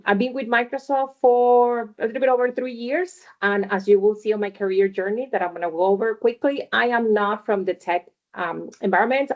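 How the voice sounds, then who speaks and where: On a video call, a middle-aged woman from Venezuela speaks as a webinar panelist, giving a casual career talk peppered with fillers and "right?" tags. She has a mid-range voice, heard through dull audio.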